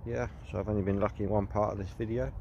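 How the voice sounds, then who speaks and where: A man's voice: fairly low pitch, fairly even intonation, rapid-fire, creaky, mellow, dull audio, a little hiss or hum. A man recording a casual outdoor video diary as a wildlife photography vlogger, talking hesitantly with many ums. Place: outdoors by water in nature.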